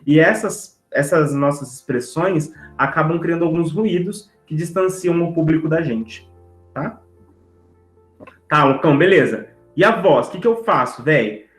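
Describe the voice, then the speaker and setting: A man teaching public speaking in an online class, talking fast and lively and checking in with the audience as he goes. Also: fairly high pitch, reverberant, soft background music, poor audio. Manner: lively, talks straight to the audience with tags like "tá?" and "né?"; brisk, speeding up on purpose to fit the content in. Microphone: video call setup.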